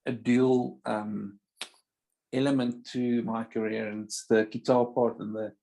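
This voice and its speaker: A South African man with an Afrikaans accent talks casually as a guest on a video call. His voice is mid-pitched, and he feels his way through sentences with pauses. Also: flat delivery, gravelly, dark tone. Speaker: interview guest, musician. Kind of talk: casual chat.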